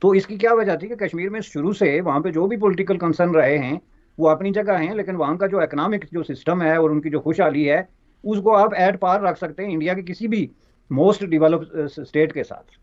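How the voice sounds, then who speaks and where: Male panelist, formal measured delivery, lo-fi sound. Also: high voice. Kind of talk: TV panel debate. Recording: dull lo-fi audio.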